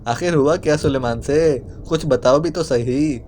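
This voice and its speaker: A man's voice: a little high, a little hiss or hum, natural voice. Man reading as a short-fused lady agent, snappy and scolding, audiobook story. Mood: exasperated. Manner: sharp, scolding. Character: exasperated hot-tempered young woman agent.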